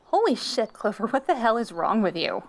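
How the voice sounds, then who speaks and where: A jealous catgirl, with a very high, animated voice. She is possessive and smug, switching between syrupy sweet talk to her darling and catty bickering in an anime-style audio role-play. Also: normal speed, creaky, full character voice. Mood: exasperated.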